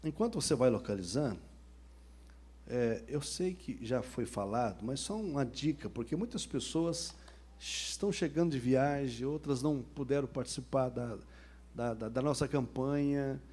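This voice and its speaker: Husky pastor joking through a sermon. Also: male voice, medium pitch, expressive, moderate pace, a little mellow. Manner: humorous, colloquial storytelling.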